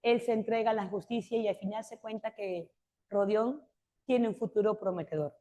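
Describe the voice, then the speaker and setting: A woman's voice: mid-range voice, normal speed, dark tone. Woman teaching a literature class. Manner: explanatory, asks rhetorical checks. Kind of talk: classroom lecture.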